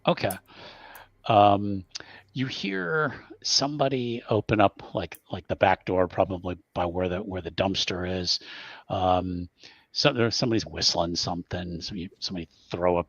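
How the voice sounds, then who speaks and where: Halting low-voiced male game master. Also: slightly rough, no room sound, dull audio. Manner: halting, lots of restarts and ums. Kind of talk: narrating a tabletop game.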